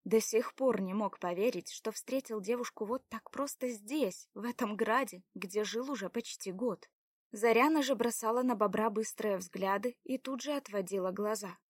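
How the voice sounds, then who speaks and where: Woman reading a story, measured and dry. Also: medium pitch, no echo. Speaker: audiobook narrator. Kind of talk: scripted narration.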